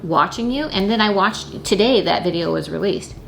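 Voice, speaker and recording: Middle-aged female guest, creaky mid-pitched voice, mild and halting, casual chat over some background noise. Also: fairly bright tone, low-quality recording. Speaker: host's mother, guest.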